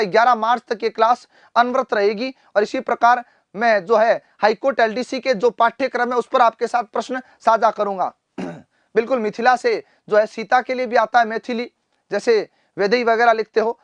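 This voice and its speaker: A male teacher runs a live online class, quizzing students, repeating each answer and calling them "beta". He clears his throat often. The sound is close and dry. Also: extremely high pitch, a bit bright, no echo, dull audio. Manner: addresses students fondly as "beta". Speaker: Hindi teacher.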